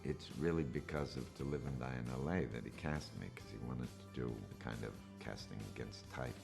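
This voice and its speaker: A man, an actor being interviewed, recalling events in a measured, unhurried way. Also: a bass voice, creaky, music in the background. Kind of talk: reflective interview recollection.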